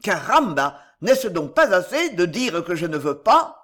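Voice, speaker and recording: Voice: medium pitch, big pitch swings, normal speed, fairly bright tone. A reader doing a cold sneering bullfighter. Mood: menacing. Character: cold, menacing male bullfighter.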